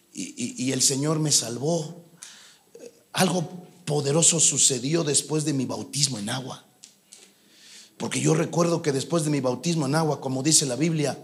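A man, a pastor giving an earnest sermon that mixes personal testimony with bursts of loud, fervent preaching. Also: medium pitch. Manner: earnest, storytelling preacher swinging from soft to loud.

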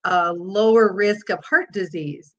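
A woman teaching laughter yoga in an interview, explaining calmly and bursting into demonstration laughs, speaking over a video call. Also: mid-range voice, unhurried, lo-fi sound.

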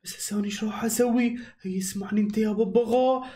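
A man with an Iraqi accent voicing an excitable young male hero in an animated game movie, talking breathlessly to himself. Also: high-pitched, fast, slight background noise, close to an everyday voice. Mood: frightened. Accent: Iraqi Arabic. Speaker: voice actor and channel host. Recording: echoey room with background music.

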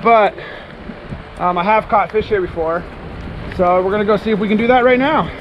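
A man's voice: sits high, normal speed, highs cut off, background noise. A man in his thirties talking casually to an action camera outdoors on a rocky ocean jetty, explaining as he goes in an easygoing, chatty way. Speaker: fishing vlogger. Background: music under the talk.

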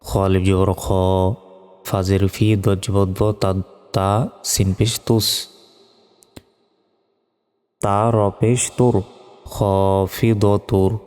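Low, flat-voiced man teaching recitation. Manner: spells letters and vowel marks slowly, then chants verses. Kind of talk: religious lesson with spelled-out recitation. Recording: long reverb with faint music.

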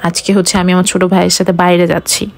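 A woman's voice: on the low side, monotone, racing, creaky. A young woman from Bangladesh chatting casually as a food vlogger while talking through a face mask, rambling with lots of fillers. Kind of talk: casual vlog narration.

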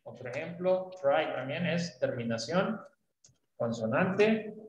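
A man's voice: fairly high pitch, lively intonation, slow pace, reverberant, muffled recording, a little hiss or hum. A man teaching an online English class, explaining patiently and often checking that students follow. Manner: patient, often checks understanding with tag questions.

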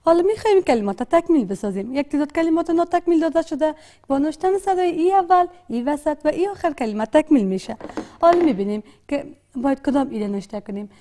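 A woman's voice: sits high, lively intonation, dark tone. A woman with an Afghan Dari accent teaching a literacy lesson, patiently repeating and spelling out words with frequent hesitations. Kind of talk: classroom lesson.

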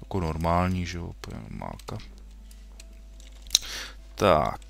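Young male gamer, lowish voice, loose rambling play-by-play into a computer mic, self-correcting, playful asides. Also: steady tone, fairly bright tone. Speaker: gaming video host. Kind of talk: casual Minecraft let's play commentary.

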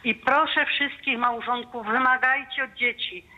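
A woman's voice: high voice, fairly even intonation, measured pace. A woman in her fifties calling in to a radio show to give a fervent, devout testimony. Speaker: caller. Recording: muffled phone line.

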